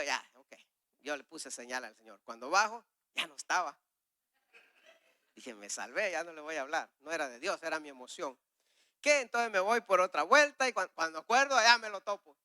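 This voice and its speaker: A man with a high, very bright voice delivers a sermon full of personal testimony. He surges into urgent, loud exhortation, then falls to soft, confessional murmurs as he acts out dialogues. The sound is close and dry. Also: dry recording. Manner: acts out dialogues with God and others. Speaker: preacher.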